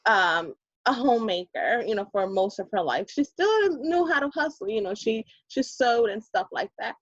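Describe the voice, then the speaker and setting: A woman in her thirties from the Bronx, New York, with a New York Puerto Rican accent, chats animatedly as a guest in a casual interview. Her voice is medium-pitched and fairly bright, recorded dry on dull lo-fi audio.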